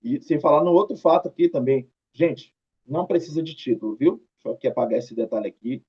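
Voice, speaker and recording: A man's voice: on the high side, fairly quick, slightly rough. Chatty Brazilian male teacher, dull sound. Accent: Brazilian Portuguese. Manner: chatty, drawing out tag questions, mildly scolding. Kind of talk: recorded writing lesson, talking students through examples on screen.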